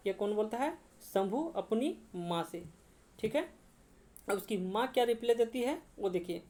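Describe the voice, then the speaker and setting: A woman's voice: mid-range voice, animated, moderate pace, dark tone. A woman teacher with a Jharkhand accent explains a play scene by scene for exam students, repeating and translating each line and checking in often.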